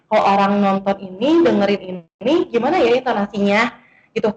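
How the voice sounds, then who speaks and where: A woman speaking as the guest content creator in an online sharing session, chatty and animated, with many fillers. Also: a little high, echoey room, low-quality recording.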